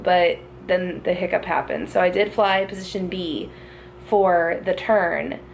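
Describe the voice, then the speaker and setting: A woman's voice: mid-range voice, creaky, a little hiss or hum. A young woman with a Southern US accent, a flight attendant chatting casually to her phone camera in a rambling, tired way. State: tired morning voice. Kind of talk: casual vlog chat. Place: hotel room and airplane galley.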